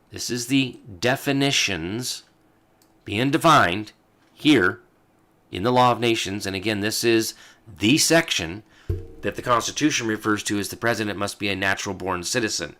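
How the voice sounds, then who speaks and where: A man's voice: on the low side, measured pace, bright, forceful tone. A man hosting a show, reading old legal texts aloud and explaining them with fillers and asides. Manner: talks as he reads, with fillers and asides. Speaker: host.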